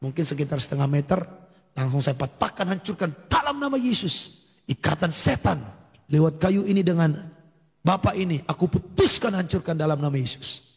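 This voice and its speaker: A male pastor giving a sermon testimony at a morning prayer service. He tells the story with lively acted-out dialogue and cries of hallelujah. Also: fairly high pitch, brisk, creaky, breathy edge. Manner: animated storytelling that acts out dialogue, with exclamations of hallelujah. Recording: long reverb of a hall.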